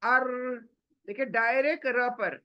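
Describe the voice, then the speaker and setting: A woman teaching a tajweed class, patiently explaining rules step by step and sounding out recitation examples slowly, mixing English words into her talk. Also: a little high, dull audio. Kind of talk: slow step-by-step recitation lesson.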